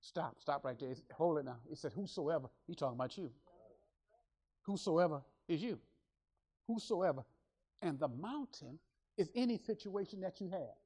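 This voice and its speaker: A woman's voice: low voice, lively intonation, normal speed, mellow, slightly rough. Emphatic woman preacher. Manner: repetitive, emphatic preaching with call-and-response. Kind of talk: sermon.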